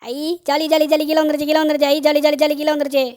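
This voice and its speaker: A woman's voice: mid-range voice, fairly even intonation, brisk, darkish tone, smooth, close to an everyday voice. A woman voicing a mischievous little boy in a doll play, bragging about his prank. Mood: gleeful. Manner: playful, gleeful, bragging.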